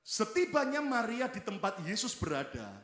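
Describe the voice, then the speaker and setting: Animated male pastor preaching. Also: high-pitched, moderate pace. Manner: animated, exclaiming, leads the congregation in repeating lines. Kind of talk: sermon with call-and-response. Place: church service hall. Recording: echoey church hall.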